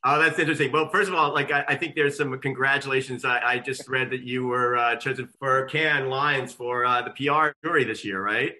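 A man's voice: medium pitch, fairly even intonation, fairly quick, few pauses, bright, forceful tone. A male host leading a casual chat, keen and encouraging with his guests. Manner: enthusiastic, eggs guests on.

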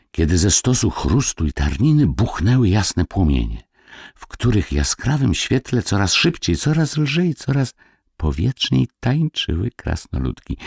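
Male fairy-tale reader, deep husky voice, very expressive. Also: no echo, studio quality. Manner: expressive, swinging between hushed and lively tones. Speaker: storyteller. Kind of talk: reading a classic fairy tale aloud.

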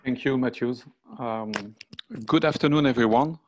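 A man in his sixties with a French accent, a native French speaker giving a formal webinar presentation, halting and searching for English words. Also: medium pitch, lo-fi sound, background noise. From France. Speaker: fire service officer presenting. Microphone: video call.

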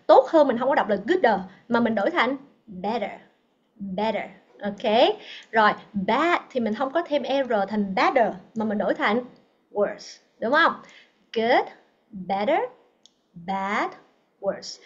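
A high-pitched woman teaches English over a video call, encouraging her learners and slowly repeating each word for them to copy. The audio is dull and lo-fi. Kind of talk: online class teaching.

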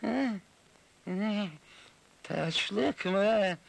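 A man doing a slurring drunk cockroach passenger, creaky and high. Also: lively intonation, drawn-out words, exaggerated voice. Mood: drunken. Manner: slurred, giggling, sings to himself. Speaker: taxi passenger.

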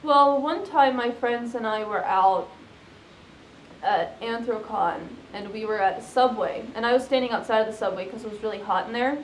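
A woman's voice: a little high, normal speed, echoey room, a little hiss or hum, poor audio. A young adult woman answering interview questions casually, hesitant, with many "um"s and "like"s. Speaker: interviewee, fursuiter.

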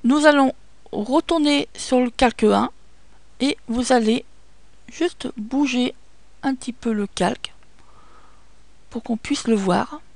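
Slow, gravelly-voiced French woman teaching. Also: on the high side, no echo. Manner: patient, hesitant, many fillers. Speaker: software tutorial presenter. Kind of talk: screen-recorded photo editing tutorial.

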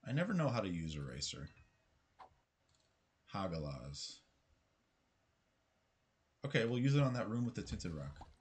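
A man's voice: lowish voice, very animated, unhurried, pauses often, a little mellow, slight background noise. A man streaming gameplay live, chatting casually with his viewers, musing aloud and swearing now and then. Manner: chatty, swears, talks to chat.

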